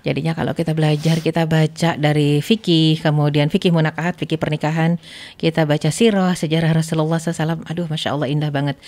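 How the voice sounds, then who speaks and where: A woman's voice: low voice, fast. A middle-aged woman, a religious teacher on a podcast, telling stories and acting out the dialogue with animation. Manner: animated storyteller quoting dialogue.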